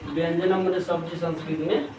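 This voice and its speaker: Male teacher in a roomy classroom, heard from a distance, asking questions and spelling words out slowly. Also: fairly high pitch, flat delivery. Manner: asks questions and has the class repeat. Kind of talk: classroom pronunciation drill. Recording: roomy, distant mic, faint hum.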